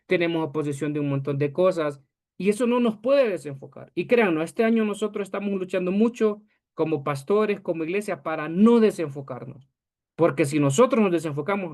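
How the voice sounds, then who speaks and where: A man's voice: a little high, a little fast, darkish tone. A male pastor teaching church history to his congregation in an earnest way, often calling the listeners beloved brethren. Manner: earnest, addresses listeners as beloved brethren, acts out quoted voices.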